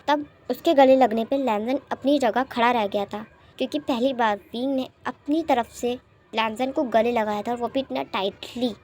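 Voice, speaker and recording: A woman narrating a romance fan fiction story in a chatty, expressive way. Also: on the high side.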